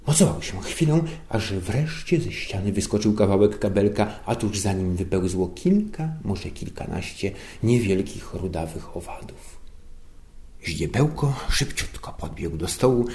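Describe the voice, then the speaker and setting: A man narrating a scripted satirical story in a measured, dry way. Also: low voice, darkish tone, roomy sound.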